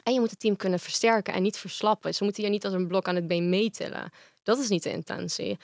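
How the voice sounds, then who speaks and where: A woman's voice: mid-range voice, fairly even intonation, quick pace, gravelly, dry recording, studio quality. A woman guest in a casual interview, speaking frankly and at length.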